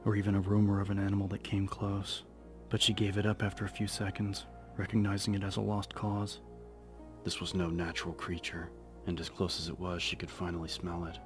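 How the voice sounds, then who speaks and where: Faint music plays beneath a very deep male voice telling a scripted horror tale. Working as an audiobook narrator, he keeps his pitch almost completely flat while building suspense at a measured, dramatic pace.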